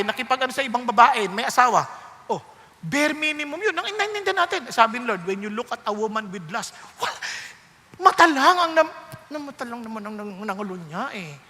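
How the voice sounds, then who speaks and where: A man preaching a sermon as pastor, animated, often asking the congregation rhetorical questions. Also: very high voice, big-room sound.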